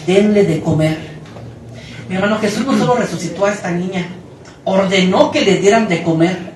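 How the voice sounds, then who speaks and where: Pastor, animated storyteller, mic at a distance in a reverberant church hall with faint hiss. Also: medium pitch. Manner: storytelling with acted-out quotes and humor. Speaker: preacher. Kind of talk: sermon.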